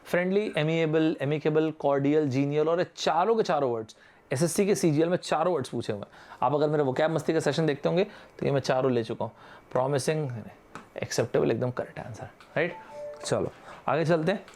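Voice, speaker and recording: Man, Indian accent, upbeat online tutor with a slightly high voice, mixes Hindi and English on a streamed mic. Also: a little fast. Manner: lively, mixes Hindi with English terms, quizzes viewers directly. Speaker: exam-prep teacher. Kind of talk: online vocabulary lesson.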